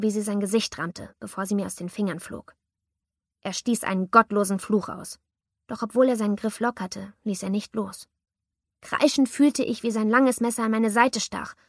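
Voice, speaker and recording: A woman reads a first-person audiobook with tense, suspenseful delivery. Her voice is gravelly and husky, recorded close and dry. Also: medium pitch, dry recording. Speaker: audiobook narrator.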